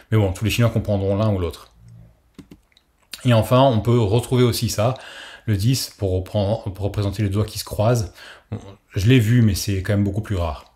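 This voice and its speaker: A man's voice: fairly low pitch, darkish tone. A man teaching a recorded language lesson, explaining patiently and modeling pronunciations for the listener to repeat.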